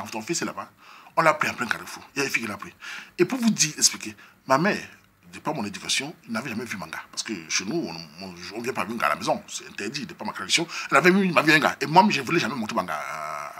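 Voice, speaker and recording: Cameroonian guy telling a funny story, husky voice, bright tone, all over the place pitch-wise. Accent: Cameroonian French. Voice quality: husky, animated, acting out scenes. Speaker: comedian. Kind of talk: comic storytelling.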